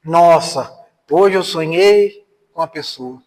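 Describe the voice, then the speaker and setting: A man's voice: fairly high pitch, slow, a little mellow. A Brazilian man giving a spiritist lecture, telling personal stories in a conversational way and asking the audience rhetorical questions. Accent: Brazilian Portuguese. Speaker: spiritist speaker. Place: spiritist center hall. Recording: reverberant hall.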